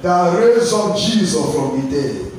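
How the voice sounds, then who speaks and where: A man's voice: high voice, sing-song, unhurried, a little hiss or hum. A young man with a Nigerian English accent preaching a sermon into a handheld microphone, calling out questions for the congregation to answer. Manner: call-and-response preaching, shouts at peaks. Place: large tiled church hall. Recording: echoey hall filmed from a distance.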